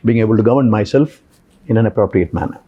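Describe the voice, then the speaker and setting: A man's voice: on the low side, fast, husky, muffled recording. A man from India with an Indian accent, speaking as a podcast panellist who asks and answers his own questions.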